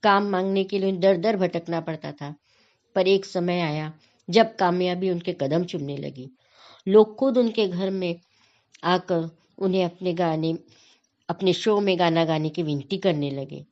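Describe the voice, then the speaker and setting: Woman, devotional teacher, slow and measured, somewhat low voice, dull lo-fi recording. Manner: measured, repeats phrases while searching for words. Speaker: spiritual teacher explaining verses. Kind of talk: slow devotional explanatory talk.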